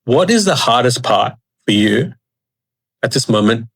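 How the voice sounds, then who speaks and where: A man's voice: mid-range voice, expressive, unhurried, fairly bright tone, slightly rough. A man interviewing a guest in an informal, encouraging, conversational way. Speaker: interviewer, host.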